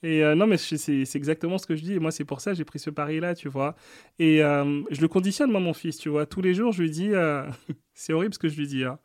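A man's voice: on the high side, a little mellow, no room sound. Earnest guy from benin explaining stuff on a podcast, dry close mic. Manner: earnest, explanatory, frequent restarts. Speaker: podcast guest. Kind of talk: casual interview conversation.

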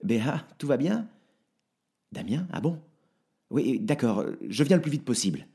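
A man's voice: mid-range voice, sing-song, unhurried, dark tone, voice pushed up. A man reading the part of an anxious man in his forties who talks hesitantly and stammers. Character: anxious fortyish male dreamer, nervous.

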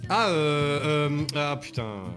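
Casting note: man in his 40s, fairly high voice, flustered guesser, music clearly under him. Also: animated, slow pace. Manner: hesitant, full of fillers and swearing while guessing. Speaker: quiz player. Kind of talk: casual chat, music blind test.

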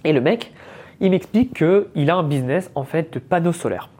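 A man's voice: a little high, lively intonation, normal speed, dark tone, breathy edge. A man in his thirties from France, hosting a podcast and telling a story in a casual, chatty way, mixing English business words into his talk. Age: 30s. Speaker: podcast host.

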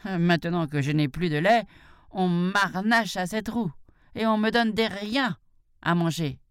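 A woman's voice: lowish voice, unhurried, clean tone, no room sound, studio quality, pitched above the performer's own voice, natural voice. A woman voicing a weary old female buffalo who bitterly mocks the man's hopes.

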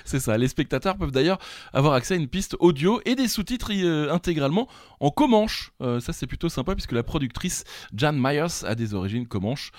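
A man's voice: a little high, sing-song, a little fast, darkish tone, dry recording, studio quality. Playful French quiz co-host man. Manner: jokey, laughs often, sing-song jingles. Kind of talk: playful casual quiz banter.

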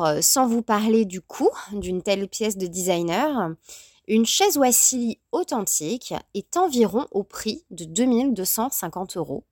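A woman's voice: medium pitch, no echo. Chatty French woman podcaster, dry sound. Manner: chatty, many fillers. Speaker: podcast host. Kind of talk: solo podcast talk on design.

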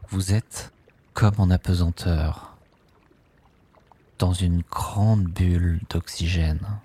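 A man leading a guided sleep meditation, speaking softly and calmly in drawn-out phrases with long pauses. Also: sits low, breathy edge. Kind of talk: slow guided relaxation script.

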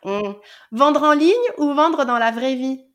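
Upbeat woman podcast host, higher voice. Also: a little slow, fairly bright tone. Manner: upbeat, playful, laughs often. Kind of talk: casual podcast interview.

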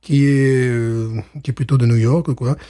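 Against some background noise, a middle-aged podcast co-host talks unhurriedly at a medium pitch. His casual storytelling is animated and full of laughs, broken up by stammers and repeated words.

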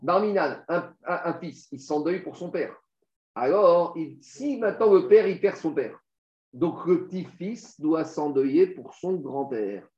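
A man's voice: on the high side, animated, a little slow, darkish tone. Man teaching Talmud in an echoey room. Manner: reads Aramaic passages then explains in French, asks and answers questions. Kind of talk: Talmud class explanation. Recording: dull, echoey room recording.

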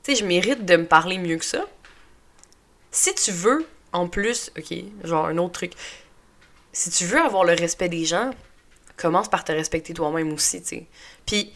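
A woman's voice: lowish voice, animated, moderate pace, pauses often, fairly bright tone. A young woman with a Québécois French accent talking as a podcast host in a casual motivational monologue, chatty and full of fillers, with English phrases mixed in.

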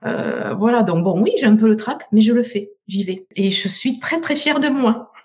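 A woman's voice: a little high, expressive, darkish tone. A middle-aged woman with a southern French accent, a guest on a live podcast interview who stumbles over and repeats her words as she talks earnestly. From southern France. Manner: halting, repeats words, heartfelt. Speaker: guest, business owner.

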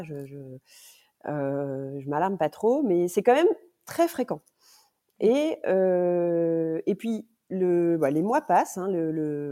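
A woman's voice: fairly low pitch, mellow. A woman in her thirties, a mother recounting events as a podcast guest, in a hesitant way with many fillers and restarts. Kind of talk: casual storytelling interview.

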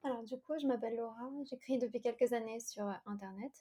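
A woman's voice: a little high, fairly even intonation, quick pace, dark tone, slightly rough. A woman in her twenties, a novelist guest in a casual podcast interview, answering hesitantly with many fillers and restarts. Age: 20s.

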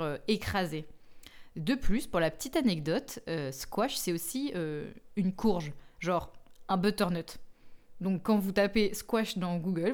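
A young woman talks casually on her own podcast. She is chatty and self-mocking and laughs easily, with a voice of ordinary middle pitch. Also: a little mellow. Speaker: podcast host. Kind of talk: casual solo podcast talk.

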